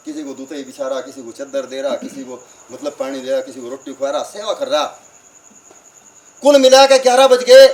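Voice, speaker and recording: A man, preaching at a satsang as a lively storyteller who acts out the dialogue and asks the crowd questions. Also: on the high side. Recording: far from the mic, crickets in the background.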